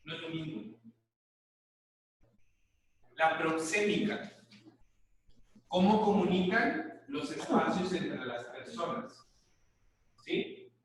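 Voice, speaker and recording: Speaking slowly with long pauses, this body language lecturer, a middle-aged man with a Mexican accent, jokes through stories and checks in with his conference audience. His voice is high and expressive, recorded from a distance in a big echoey hall with slight background noise.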